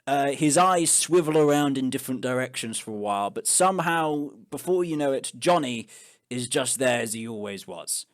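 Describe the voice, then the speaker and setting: A man's voice: mid-range voice, animated, normal speed. A man narrating as game master of an improvised tabletop role-playing game, often restarting his sentences. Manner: hesitant, with repeated restarts.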